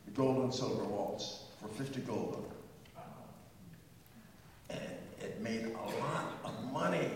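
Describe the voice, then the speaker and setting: Before the concert begins, an older man gives a meandering, chatty talk on music history, with asides and the occasional hummed melody. His voice sits in the mid range. The distant recording, made in an echoey hall, carries a little hiss or hum.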